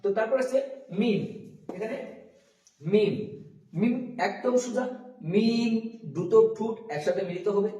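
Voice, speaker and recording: A man with a high voice teaches Arabic pronunciation. He draws out each letter and repeats it so learners can copy. He sounds far from the mic in a roomy, echoing space. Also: moderate pace, mellow. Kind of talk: pronunciation lesson.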